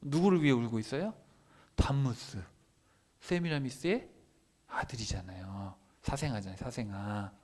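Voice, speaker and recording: A man, a pastor, giving a children's sermon in church, animated and full of questions to his listeners. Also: mid-range voice, moderate pace.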